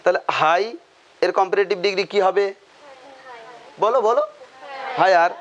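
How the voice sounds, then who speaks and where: Fairly high-voiced male teacher. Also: little pitch movement, quick pace, fairly bright tone, muffled recording, slight background noise. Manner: asks questions and answers them himself, repeats key terms. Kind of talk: classroom grammar lesson.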